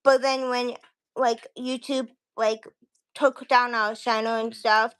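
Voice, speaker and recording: High-voiced woman rambling casually. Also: flat delivery, takes it slowly, a bit bright, clear, resonant tone. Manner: rambling, quotes conversations with frequent "like". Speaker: guest, YouTube creator. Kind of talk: casual livestream chat.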